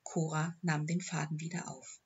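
A man narrating an audiobook story in a measured, descriptive way. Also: fairly high pitch, flat delivery, darkish tone, slightly rough, lo-fi sound.

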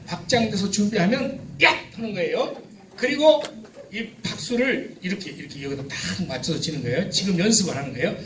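A middle-aged man leading a joking, teasing seminar for a church crowd, sometimes shouting out cheers for the audience. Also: high-pitched. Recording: echoey hall, distant mic, noisy.

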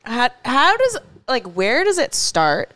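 A woman's voice: high-pitched, huge pitch swings, takes it slowly, a bit bright. A young adult woman chatting casually as a podcast co-host, crude and joking, interrupted by hiccups. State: has hiccups. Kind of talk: casual comedic podcast chat.

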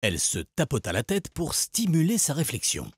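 A man narrating a children's story in an expressive, animated storytelling voice. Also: on the high side, normal speed, breathy edge, no echo, clean studio sound. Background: music.

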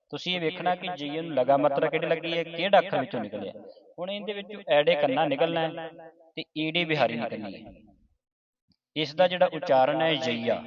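A man teaching the pronunciation of scripture, patiently repeating each point and slowly chanting verses between his explanations. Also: a little high. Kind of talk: step-by-step recitation lesson. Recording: muffled, distant with crowd behind.

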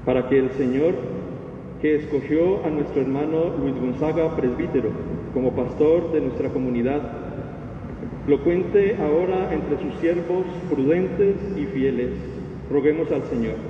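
A middle-aged man reading liturgical intercessions in a solemn, measured way. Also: fairly high pitch. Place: inside a church. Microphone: lectern microphone, through face mask. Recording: reverberant church, distant mic, dull, noisy.

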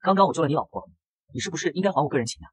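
A man reading as a feisty young maid girl from a comic, sassy and scolding, husky breathy tone, very quick. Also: fairly high pitch, lively intonation, no echo.

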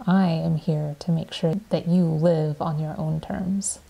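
A woman's voice: sits low, fairly even intonation, measured pace, vocal fry, warm tone, full character voice. A woman voicing a mischievous young woman who teases and coaxes a prisoner. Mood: coaxing.

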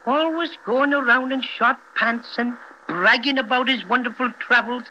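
An actor voices a small, protective toy bear in a 1930s children's radio drama. The voice is bright and folksy, with emphatic fussing. The old recording is dull and a little noisy. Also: mid-range voice, normal speed, close to an everyday voice. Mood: annoyed.

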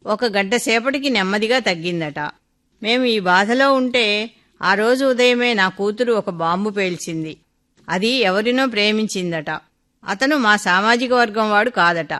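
A distressed wife and mother pouring out her troubles in a lamenting voice as a woman storyteller reads her. Bright and clear in tone, from a radio story reading. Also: mid-range voice, natural voice.

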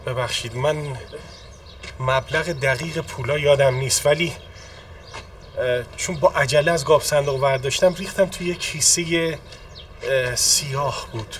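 A man's voice: mid-range voice, a bit bright, far from the mic, a little hiss or hum, lightly acted. An actor playing an agitated man who pleads and bristles while claiming lost money. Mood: pleading.

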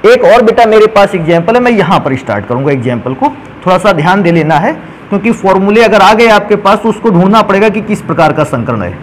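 Male chemistry teacher, high pitch, patient step-by-step board explanations, light background noise. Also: very animated, fast talker, poor audio. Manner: explains step by step, calls students "beta". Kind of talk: whiteboard lesson.

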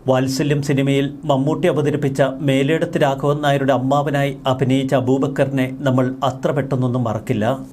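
A man reading a scripted news voice-over in a solemn, measured way. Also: medium pitch, level tone, darkish tone, slight background noise. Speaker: news narrator.

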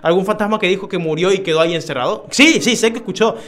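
A young man with an Argentine accent doing let's play commentary, excitable and swearing, bursting into loud outbursts. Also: sits high, fast, crowd noise. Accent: Argentine Spanish. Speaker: gamer.

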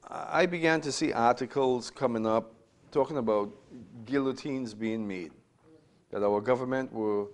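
Emphatic fifties man lecturing from a lectern. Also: medium pitch. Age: 50s. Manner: emphatic, repeats phrases, rhetorical questions. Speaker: Bible teacher. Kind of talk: classroom Bible lecture.

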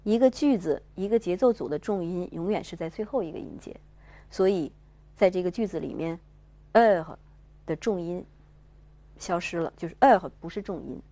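A woman's voice: lowish voice, animated, dark tone, dry recording. Patient woman teaching pronunciation. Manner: patient, explanatory, models words slowly. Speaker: French teacher. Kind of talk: pronunciation lesson.

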